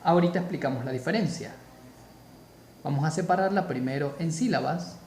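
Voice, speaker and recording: A man teaching a spoken grammar lesson, slow and deliberate, repeating key terms for emphasis. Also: a little high, darkish tone, reverberant, a little hiss or hum.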